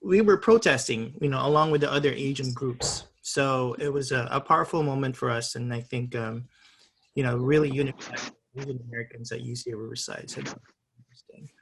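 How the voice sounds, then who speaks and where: A man's voice: mid-range voice, a little fast, vocal fry, fairly bright tone, slightly rough. A middle-aged man moderating an alumni panel on a video call, upbeat and prompting others with questions.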